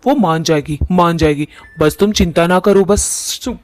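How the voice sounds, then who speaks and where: A man's voice: fairly high pitch, moderate pace, a little mellow, no echo, close to an everyday voice. A man voicing a lovesick young ghost groom in a cartoon, coaxing and sweet-talking. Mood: pleading.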